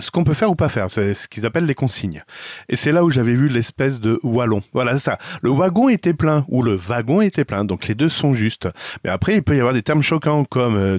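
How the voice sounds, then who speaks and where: A man with a France French accent, a video blogger, gives a casual screen demo, chatting and thinking aloud as he explains a website step by step. His voice is medium-pitched and a little mellow. Recorded on a headset, the audio is studio quality with no room sound.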